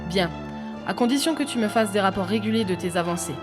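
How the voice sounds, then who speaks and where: Lady reading gruff detective boss guy, short firm lines, soft music underneath. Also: mid-range voice, lively intonation, quick pace, lightly acted. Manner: firm and curt. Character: gruff middle-aged male detective boss.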